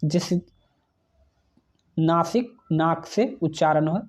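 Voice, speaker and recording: Slow and medium in pitch, a teacher runs an exam-prep grammar lesson, spelling out sounds one at a time and frequently checking in with the viewer.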